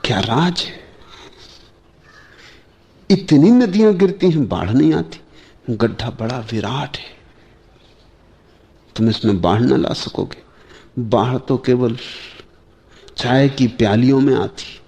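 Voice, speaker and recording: A man giving a slow, measured spiritual discourse, pausing often and asking his listeners rhetorical questions. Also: mid-range voice, expressive, creaky, a little mellow. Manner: slow, measured delivery with long pauses. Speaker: spiritual teacher.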